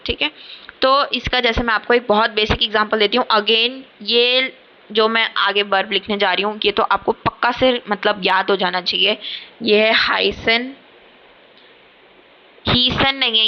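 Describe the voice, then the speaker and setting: A woman teaching a beginners' language lesson in casual Hinglish, patient and repeating herself often to check understanding. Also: on the high side. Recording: slightly dull lo-fi audio.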